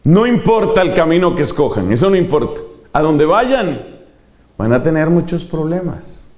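A man preaching a sermon, emphatic and deliberate, listing words one by one and answering his own questions. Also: a little high, sing-song, darkish tone, reverberant.

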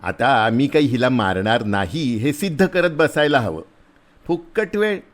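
A man doing a gruff blustering soldier. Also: mid-range voice, expressive, a little slow, natural voice. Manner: loud, scolding, teasing. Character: big gruff soldier, blustering but kind.

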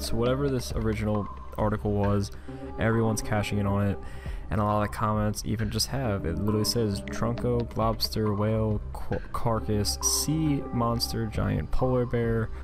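A man with a slightly low, very creaky voice hosts a casual online commentary. He talks in loose, rambling asides. Music is clearly heard behind his voice. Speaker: YouTube channel host. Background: background music.

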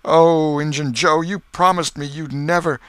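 A man's voice: on the high side, fairly even intonation, measured pace, fairly bright tone, smooth, dry recording, pitched above the performer's own voice. A man voicing a frightened, sobbing small-town drunkard accused of murder in a storybook, pleading and wailing in broken rustic speech. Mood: anguished.

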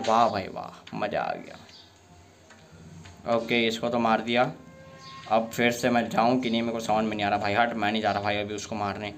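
A young man talks through a fighting game as he plays, with a sore throat and an excitable manner. He swings quickly from exasperated outbursts to quick praise for his own moves. His pitch sits in a middle range for a man, and faint game music plays behind him. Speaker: gameplay streamer. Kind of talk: live gameplay commentary.

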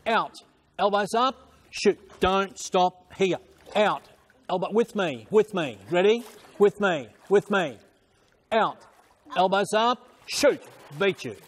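A man's voice: high voice, expressive, slow. An older man working as a swim coach, calling out short, repeated drill instructions and counts across an indoor pool. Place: large indoor swimming pool. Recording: noisy indoor pool, splashing ambience.

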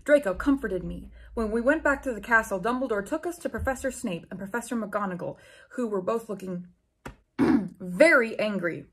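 A woman in her twenties, a YouTube host, reads fanfiction aloud in a small home room with bookshelves, adding theatrical, incredulous, sweary comic commentary. Her voice is medium-pitched and husky at a moderate pace.

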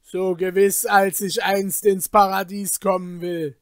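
Dude voicing a loud huffy old vizier, storybook style, slow and big. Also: male voice, sits high, flat delivery, no room sound, studio quality, pitched above the performer's own voice. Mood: solemn. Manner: loud and outraged. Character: indignant noble old male grand vizier.

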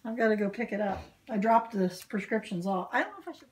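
A woman's voice: medium pitch, animated, fast talker. A woman talking casually as a caregiver, practical and cautioning, in a home phone video. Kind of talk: casual chat. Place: small bedroom.

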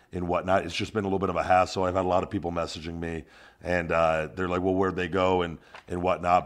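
Low-voiced man in casual podcast chat. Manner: loose, rambling, drops into goofy put-on voices. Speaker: podcast host.

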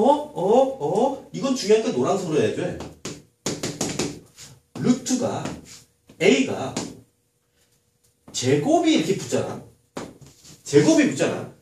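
Male math teacher, animated classroom delivery with constant rhetorical questions; distant mic, room echo. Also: high-pitched. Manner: lively, asks many rhetorical questions. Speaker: middle school math teacher. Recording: echoey room, far from mic, faint noise.

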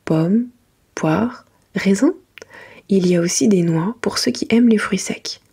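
A woman reading a children's picture book in a soft, gentle whisper, as ASMR for bedtime. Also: medium pitch, a little slow. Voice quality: breathy, mostly whispered soft voice.

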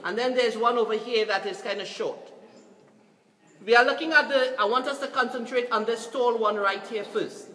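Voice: mid-range voice, moderate pace, bright, forceful tone. A tour guide leading a group through a cave, giving instructions and repeating directions, recorded from a visitor's camera. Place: inside a dark cave. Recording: echoey cave from far off.

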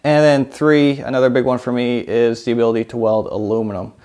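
Male, 30s, workshop vlog host; relaxed rambling delivery, lapel mic in a home shop. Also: medium pitch, fairly quick. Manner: relaxed, rambling with many fillers. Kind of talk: casual talk to camera.

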